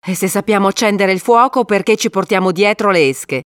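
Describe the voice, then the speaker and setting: A woman's voice: medium pitch, fairly quick, clear, resonant tone, no room sound, clean studio sound, natural voice. A woman voicing a weary, protective young woman in an audiobook. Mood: puzzled.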